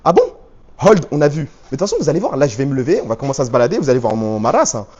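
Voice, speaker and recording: Fast-talking, slangy male streamer. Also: mid-range voice, very animated, darkish tone, breathy edge, muffled recording. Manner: slangy, joking banter with viewers. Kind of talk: casual live stream chat, reading chat aloud. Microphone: handheld phone rig with stabilizer.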